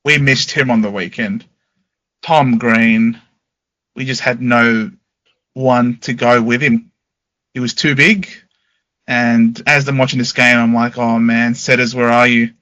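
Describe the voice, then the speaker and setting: An Australian man co-hosting a casual footy podcast, talking through a match in an animated, opinionated way. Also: medium pitch, measured pace, pauses often, dry recording, lo-fi sound. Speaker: podcast co-host.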